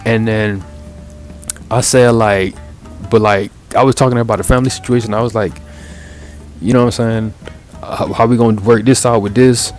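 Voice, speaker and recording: A man's voice: lowish voice, normal speed, long pauses, soft background music. Young man telling a rambling profane story. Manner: rambling, profane, animated retelling with filler. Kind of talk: casual story time over gameplay.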